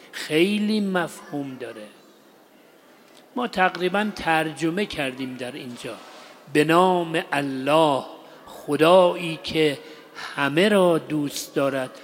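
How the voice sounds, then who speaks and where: A man giving an explanatory religious lesson in short, paused phrases. He asks his listeners rhetorical questions and recites Arabic phrases slowly. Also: on the high side, a little hiss or hum. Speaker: religious teacher. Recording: long hall reverb.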